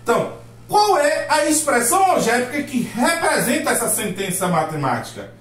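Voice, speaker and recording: A man's voice: very high voice, very animated, normal speed, fairly bright tone. A man teaching a math lesson, asking rhetorical questions and acting out his students' replies. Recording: roomy echo.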